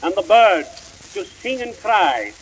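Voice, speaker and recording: A man playing old Santa Claus, telling children a bedtime story in slow, rhyming, sing-song lines. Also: sits high, big pitch swings, noisy background, heavily acted. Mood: storytelling. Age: older.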